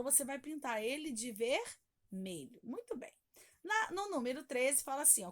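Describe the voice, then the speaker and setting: A woman's voice: high-pitched, a bit bright. A Brazilian woman teacher patiently walking young pupils through homework, stretching key words and checking in often. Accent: Brazilian Portuguese. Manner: patient, drawn-out stressed words, checking in with "tá bom?". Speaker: primary school teacher. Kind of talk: recorded homework walkthrough.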